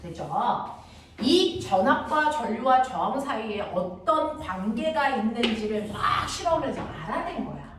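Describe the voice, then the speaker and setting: A fairly high-voiced woman teaching a middle school science lesson. She talks briskly and keeps firing quick check-in questions at the class. She is captured from across a very echoey classroom with clear background noise. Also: animated, far from the mic. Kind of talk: classroom lecture. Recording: echoey classroom from afar, noisy.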